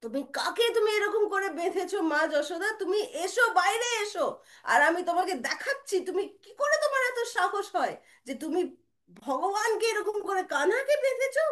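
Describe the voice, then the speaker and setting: A woman voicing Balaram, a young divine boy furious that his brother was tied up, shouting indignantly. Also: high-pitched, lively intonation, normal speed.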